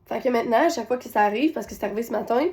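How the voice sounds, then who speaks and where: A woman's voice: a little high, very fast, darkish tone. A woman with a Québécois accent telling a personal parenting story, retelling scenes with quoted voices. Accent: Québécois French. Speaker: parenting coach.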